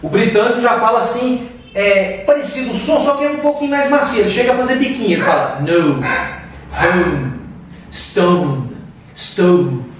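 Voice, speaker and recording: A Brazilian man gives a casual English pronunciation lesson, his voice sitting high. He explains slowly and pauses to demonstrate sounds. The sound is distant, with heavy room echo around it. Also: lively intonation, slight background noise. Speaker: English teacher. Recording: very echoey room, far from the mic.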